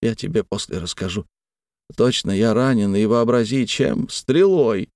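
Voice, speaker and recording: A man reading as a gravely ill, wounded young man who speaks weakly, slowly and with irony. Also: on the low side, lively intonation, darkish tone, no echo, clean studio sound. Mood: weak wry. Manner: weak, slow, ironic.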